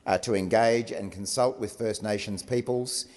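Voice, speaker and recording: Low-voiced Australian man in echoey chamber. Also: fairly even intonation, moderate pace, darkish tone. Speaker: government minister. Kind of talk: formal parliamentary answer. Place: large parliamentary chamber. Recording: echoey chamber with long reverb.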